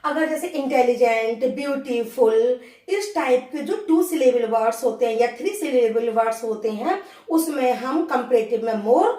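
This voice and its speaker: A woman with a high voice explains grammar rules step by step, checking in often with a rising "okay". She slows right down to dictate example sentences word by word. The sound is roomy and echoey, picked up from some way off the mic. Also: expressive, dark tone, distant mic. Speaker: English grammar teacher. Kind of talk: blackboard grammar lesson.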